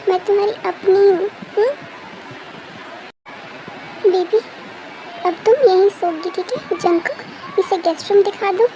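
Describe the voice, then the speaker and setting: A woman's voice: extremely high pitch, a little slow, pauses often, dark tone, slight background noise, poor audio. A woman voicing a caring motherly aunty who soothes and coaxes, but turns firm. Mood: soothing.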